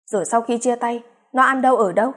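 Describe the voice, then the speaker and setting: A man's voice: extremely high pitch, quick pace, a bit bright. A woman reading the part of a worried middle-aged brother, asking uneasy questions.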